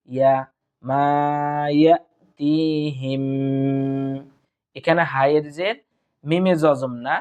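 Slow, smooth-voiced man teaching Quran recitation. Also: medium pitch, a little mellow. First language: Bengali. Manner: breaks words into syllables, then chants them drawn out. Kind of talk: slow tajweed lesson, spelling out and reciting verses.

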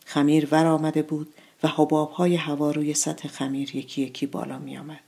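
A woman reading her own short story aloud in a calm, measured way. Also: deep voice, creaky, breathy edge. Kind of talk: literary narration.

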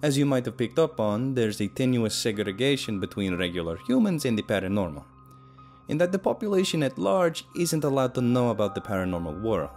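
A man voicing an anxious young woman who pleads gently and rises high in pitch. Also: very animated, brisk, soft background music. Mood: explaining.

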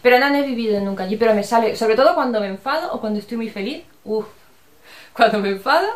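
A woman's voice: on the high side, fast talker. Chatty middle-aged Spanish woman, echoey room. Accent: Spanish from Spain, with Andalusian touches. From Barcelona, Spain. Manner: chatty, affectionate, swears casually. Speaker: vlogger answering viewer comments. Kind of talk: casual chat. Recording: roomy echo.

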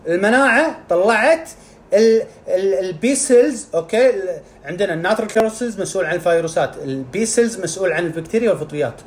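A man explaining health topics casually. He talks animatedly and acts out scenes with sound effects. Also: sits high. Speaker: integrative medicine specialist.

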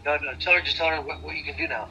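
A man's voice: on the high side, steady tone, rapid-fire, sharp tone, husky, low-quality recording. A man talking casually on a call, his voice coming through a phone speaker, teasing and defensive. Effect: heard through a phone speaker. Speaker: husband on a video or phone call. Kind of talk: casual chat.

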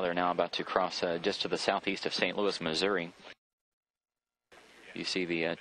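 A man giving live spaceflight commentary from mission control in a measured, informative, matter-of-fact manner. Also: deep voice, sharp tone, rough recording. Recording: faint background noise on broadcast feed.

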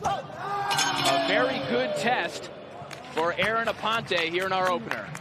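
High-pitched, animated male boxing commentator. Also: slow pace, noisy background. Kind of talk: live sports commentary. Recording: loud music and crowd behind voice. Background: arena crowd and music.

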